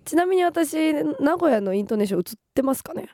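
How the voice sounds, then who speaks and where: A young woman from Gifu, hoarse from a cold, with a Nagoya-tinged accent, co-hosting a radio show, reading listener messages and giggling politely. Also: sits high, expressive, fast talker, warm tone, dry recording, clean studio sound. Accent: Nagoya-tinged Japanese. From Gifu, Japan. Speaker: radio co-host. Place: radio studio.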